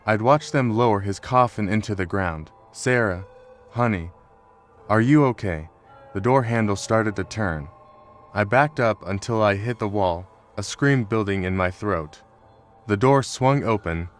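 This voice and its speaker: Male horror narrator, low voice, tense and fearful first-person reading. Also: normal speed, faint music behind.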